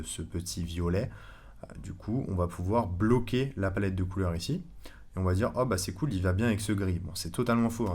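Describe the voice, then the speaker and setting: A man giving a casual screen-recorded tutorial, chatty and relaxed, with many fillers and self-corrections. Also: low-pitched. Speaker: online course instructor.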